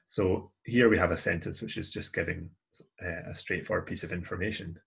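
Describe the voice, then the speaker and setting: A man explaining grammar step by step as a language tutor, patient and methodical, with frequent pauses and restarts. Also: sits low, steady tone, creaky, a bit bright, breathy edge. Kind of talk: explaining grammar over slides.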